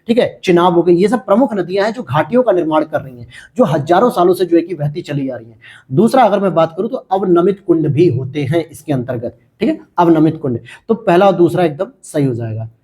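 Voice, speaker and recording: A man's voice: a little high, dark tone. A man teaching and going over test questions, talking straight to students and asking and answering his own questions. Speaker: exam-prep teacher.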